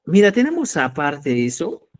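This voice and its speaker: A man from Cusco with a Peruvian Spanish accent, teaching a live online language class. He explains step by step, demonstrates sounds slowly and keeps checking in with his listeners. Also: a little high, wildly swooping pitch. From Cusco, Peru. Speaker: Quechua teacher.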